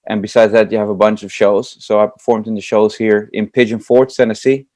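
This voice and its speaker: A young Dutch comedy juggler from the Netherlands, with a Dutch accent, answers interview questions as a guest, eager and chatty with many fillers. His fairly low voice is flat in delivery, a little fast and a little mellow, with studio-quality sound and no echo.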